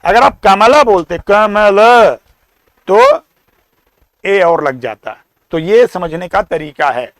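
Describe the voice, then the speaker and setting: A man with an Indian accent giving a classroom lecture, explaining slowly, repeating and sounding out words. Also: high voice, sing-song, dry recording. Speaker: teacher.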